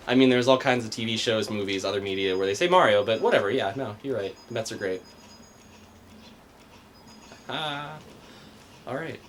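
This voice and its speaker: A man's voice: fairly low pitch, normal speed, pauses often, a little hiss or hum. A man in his thirties hosting a live game stream in casual chat, joking, laughing often and muttering to himself while he plays. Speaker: host.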